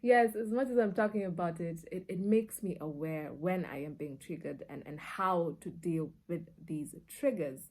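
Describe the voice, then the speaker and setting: Her voice runs on the low side at normal speed, with hardly any pauses. This Kenyan media personality tells casual personal stories with Swahili mixed in, acting out conversations and reactions with lots of expression.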